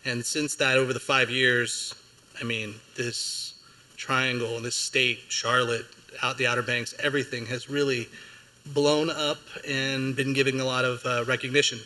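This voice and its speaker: Male panelist, relaxed and upbeat, bright voice. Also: medium pitch, measured pace, low-quality recording. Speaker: chef on a panel. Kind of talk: panel talk. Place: museum event hall.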